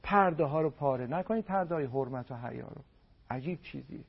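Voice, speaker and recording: A man's voice: on the high side, creaky, husky. A man on a radio program as a family counselor, giving marriage advice in an emphatic way and repeating words for stress. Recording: dull lo-fi radio broadcast.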